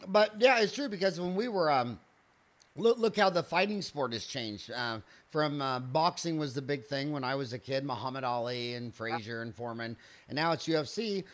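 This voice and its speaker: A man's voice: medium pitch, moderate pace. A man in his fifties hosting a podcast interview, asking long, rambling conversational questions. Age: 50s. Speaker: podcast host.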